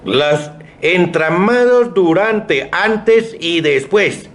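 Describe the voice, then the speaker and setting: A man's voice: high voice, lively intonation, drawn-out words, heavy background noise. A man anchoring a radio newscast, editorializing emphatically and with indignation between reports. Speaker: news anchor. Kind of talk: opinionated news commentary.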